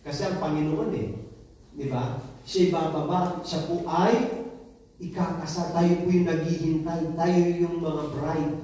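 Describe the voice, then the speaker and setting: A woman's voice: low voice, steady tone, a little slow, dark tone. A woman giving a conversational sermon in church, often asking the congregation whether they agree. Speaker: preacher. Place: church hall. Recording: very echoey room, mic far off.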